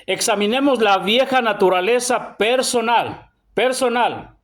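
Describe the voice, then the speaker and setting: Mexican pastor guy, middle-aged, high voice, keeps asking the church stuff and saying brother, drags out the bible verses real slow. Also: lively intonation, a bit bright. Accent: Mexican Spanish. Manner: call-and-response, tags lines with "hermano"; slow emphatic verse reading. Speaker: preacher. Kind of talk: church sermon teaching.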